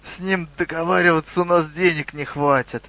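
A man's voice: a little high, steady tone, normal speed, vocal fry, sharp tone, no room sound, dull audio. A man voicing a nervous male troll leader who grumbles and wheedles. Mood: wheedling. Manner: frightened, grumbling.

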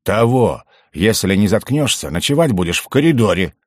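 A man's voice: lowish voice, very animated, moderate pace, no room sound. A man voicing a hot-tempered bearded male gnome who grumbles and bellows, in a dry, close recording. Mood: exasperated. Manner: loud, grumbling, exasperated.

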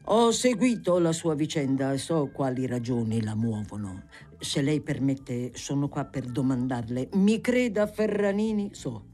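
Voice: mid-range voice, lively intonation, unhurried, dark tone, faint music behind, natural voice. A reader voicing a severe but courteous older parliamentary president who speaks formally and peremptorily.

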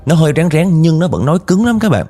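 A man casually telling a ghost story to his viewers, his voice climbing when he quotes angry outbursts. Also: quick pace. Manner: animated, rises in pitch when quoting angry speech.

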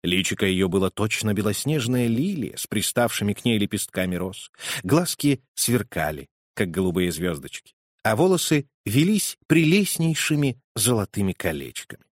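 A man narrating a storybook with an animated, theatrical reading. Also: fairly low pitch, moderate pace, dry recording, clean studio sound. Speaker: audiobook reader.

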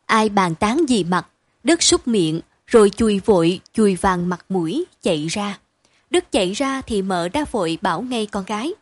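A woman narrating a story in an even, measured reading style. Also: mid-range voice, no echo.

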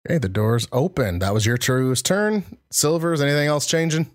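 Relaxed man running a tabletop game. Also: medium pitch, no echo, studio quality. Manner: relaxed, descriptive, quick asides. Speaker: game master.

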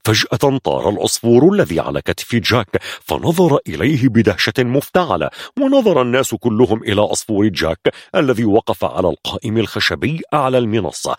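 A man with a husky voice retelling a film as a suspenseful, expressive story. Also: lowish voice, no echo, studio quality.

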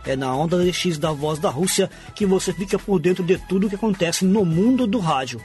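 A man's voice: high-pitched, animated, a little fast, a little mellow, soft background music. A man hosting a radio programme, presenting from a script.

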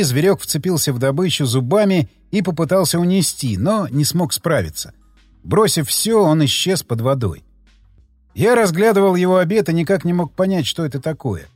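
Expressive male storyteller over soft music. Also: fairly high pitch, breathy edge, dry recording. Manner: tense, expressive reading. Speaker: audiobook narrator. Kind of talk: dramatic first-person narration. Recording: dry close mic with faint music.

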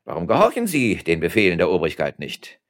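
A man voicing a pompous, blustering mayor who mocks and boasts loudly. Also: deep voice, wildly swooping pitch, brisk. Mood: mocking. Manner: boastful, mocking, loud bluster. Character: pompous blustering middle-aged male mayor.

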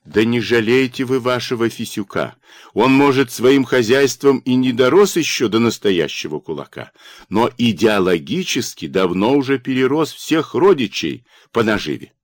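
A male reader voicing an arrogant party official in a harsh, curt and mocking manner, with lively pitch in a dry studio recording. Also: a little slow, no echo. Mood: domineering. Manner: curt, domineering and sarcastic.

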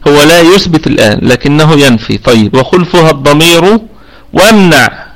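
Egyptian male tajweed teacher in an online class, higher-pitched, patient and checking in often. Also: lively intonation, a bit bright, low-quality recording. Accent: Egyptian Arabic. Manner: explains patiently, checks with students after each point; slows down to demonstrate recitation of words. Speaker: Quran recitation teacher. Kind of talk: live online tajweed lesson. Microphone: online voice chat room.

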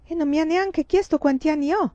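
A woman's voice: high-pitched, brisk, a little mellow, no echo, muffled recording, voice pushed up, natural voice. A woman voicing an earnest teenage girl. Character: eager anxious teenage girl, fifteen.

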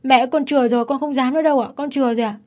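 A woman's voice: sits high, fairly even intonation, rapid-fire, darkish tone, pitched above the performer's own voice, close to an everyday voice. A woman voicing a terrified little boy who wails and begs for mercy in a spoken story. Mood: pleading, terrified. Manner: wailing, begging.

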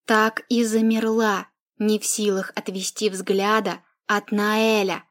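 A woman's voice: mid-range voice, little pitch movement, takes it slowly. A woman reading a story aloud as narrator, in an amused storytelling manner. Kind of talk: audiobook reading.

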